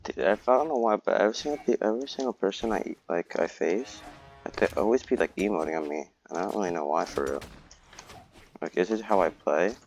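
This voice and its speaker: Deep gravelly young gamer guy. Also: a little fast, a little hiss or hum. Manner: excitable, rambling, playfully self-mocking. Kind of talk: live gameplay commentary.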